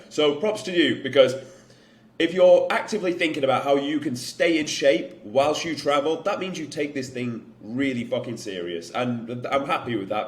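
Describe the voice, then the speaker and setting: A young man with a northern English accent, a fitness coach talking bluntly to camera and swearing often. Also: mid-range voice. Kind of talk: unedited talking-to-camera vlog. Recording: echoey room.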